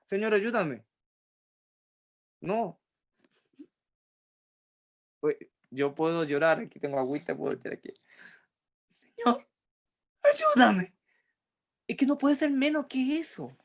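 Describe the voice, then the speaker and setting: A middle-aged woman with a Chilean accent teaches a Bible lesson, asking her group questions and acting out the lines of the story. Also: mid-range voice. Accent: Chilean Spanish.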